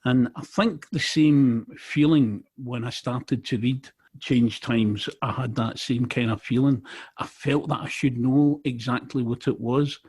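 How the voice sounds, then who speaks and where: This podcast interviewer is a middle-aged Glaswegian man from Glasgow, Scotland, who speaks Scots natively. He talks casually and unhurriedly in a medium-pitched, a little mellow voice with a breathy edge.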